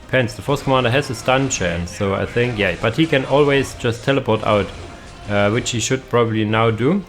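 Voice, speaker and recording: A man's voice: medium pitch, brisk, fairly bright tone, faint music behind. A young man giving casual, hesitant commentary on a strategy game match, with many fillers and restarts. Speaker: caster.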